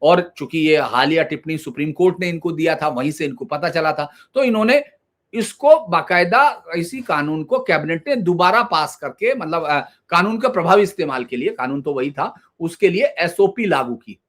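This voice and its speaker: A man's voice: a little high, animated, normal speed, fairly bright tone. A man giving a long solo news commentary, explaining step by step and repeating points for emphasis. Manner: explains at length, with restarts and repetition for emphasis.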